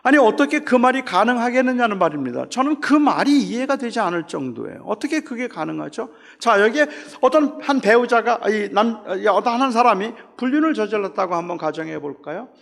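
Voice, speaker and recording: A man preaching a reflective sermon as pastor, acting out quoted dialogue and dropping suddenly soft. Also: high-pitched, very animated, brisk, vocal fry, hardly any pauses.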